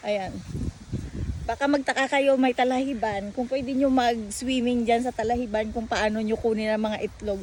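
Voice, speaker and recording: A woman's voice: fairly high pitch, fairly even intonation, normal speed, darkish tone, a little hiss or hum. A woman vlogging as she walks outdoors by a park pond, chatting and joking, often laughing and mixing in English phrases, recorded on a handheld phone. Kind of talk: casual walking vlog.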